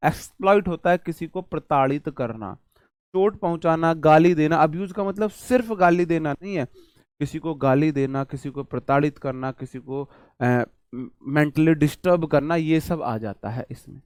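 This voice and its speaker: A man's voice: fairly high pitch, a little mellow, dry recording. Chatty male vocabulary teacher. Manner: chatty, jokey, answers imagined student questions. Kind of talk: online exam-prep lesson.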